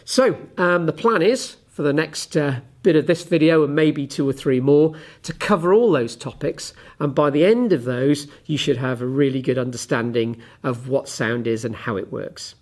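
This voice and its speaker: A male physics teacher talks straight to his pupils in a relaxed classroom manner. He fills his pauses with ums and works through ideas step by step while handling a ruler and a tuning fork. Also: on the high side. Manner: chatty, fills pauses with ums, demonstrates with objects. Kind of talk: relaxed classroom explanation to camera.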